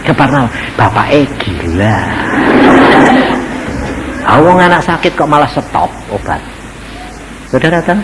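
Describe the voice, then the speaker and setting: A middle-aged male pastor giving a testimony sermon, telling his story in a lively way and acting out the voices of the people in it. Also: medium pitch, a little slow, long pauses, over music, low-quality recording. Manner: animated storytelling, acts out quoted voices, addresses audience as "saudara".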